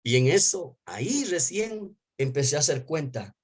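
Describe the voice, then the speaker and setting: Earnest Ecuadorian pastor giving testimony. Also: male voice, fairly high pitch, big pitch swings, moderate pace, slightly rough. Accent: Ecuadorian Spanish. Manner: earnest, emotional storytelling with many restarts and fillers. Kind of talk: testimony sermon.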